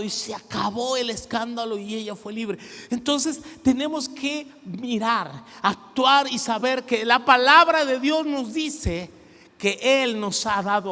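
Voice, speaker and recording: Middle-aged Mexican pastor, high voice, animated sermon, long hall reverb. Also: male voice. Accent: Mexican Spanish. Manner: animated preaching with acted-out quotes and call-and-response. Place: church sanctuary.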